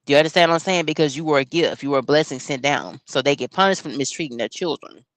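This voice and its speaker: A man's voice: a little high, fast, fairly bright tone, no room sound. Man, 40s, livestream host; earnest, preachy delivery, dry sound. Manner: earnest, preachy, keeps asking if you understand. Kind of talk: casual livestream talk.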